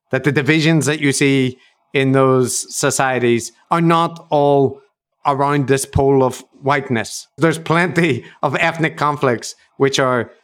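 Speaking in a mid-range, slightly bright voice, a man from Northern Ireland co-hosts a podcast. The conversation is casual and reflective, peppered with fillers and the occasional offhand swear word.

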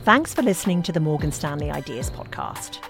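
A woman hosting a podcast, reading a scripted narration in a measured, clear way. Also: low voice, very animated, music in the background. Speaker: podcast host.

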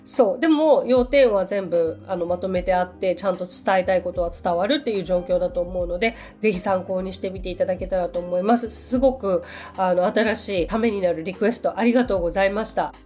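A woman's voice: medium pitch, fairly quick, darkish tone, faint music behind. A woman teaching English on her podcast in a friendly, chatty way, with many fillers. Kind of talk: casual podcast lesson. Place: Tokyo.

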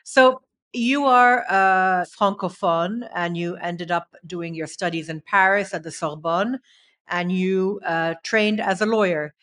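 A woman from Egypt hosts a conversational interview, her voice pitched on the low side. She asks questions in a friendly, engaged way. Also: takes it slowly, fairly bright tone. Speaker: interview host.

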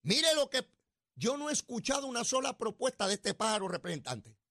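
A middle-aged Puerto Rican man hosts a political talk show in a high, bright voice. He talks in a mocking, animated way. The studio sound is dry and close. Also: brisk, dry recording. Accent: Puerto Rican Spanish. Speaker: radio and TV show host.

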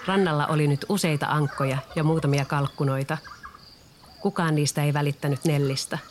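A storyteller reading a children's storybook aloud in a calm, even way. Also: mid-range voice, a little hiss or hum.

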